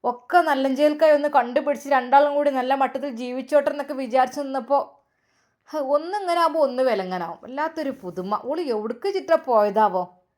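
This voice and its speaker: A woman's voice: sits high, a little fast, a little mellow, lightly acted. A woman voicing a worried old mother who laments and pleads. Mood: lamenting.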